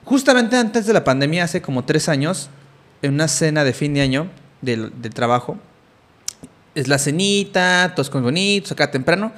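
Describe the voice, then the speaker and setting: A man's voice: fairly high pitch, lively intonation, moderate pace, fairly bright tone. A young man with a Mexican Spanish accent, telling a story in casual chat, rambling with many fillers and restarts.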